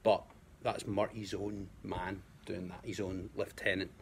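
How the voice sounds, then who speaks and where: A Scottish man talks football as a guest, measured and unhurried, often restarting his sentences. His voice sits very low, with a gravelly crackle at the bottom. There is a faint hiss behind him. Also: level tone. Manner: measured, repeats words while finding his point. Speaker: guest pundit. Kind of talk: casual football chat.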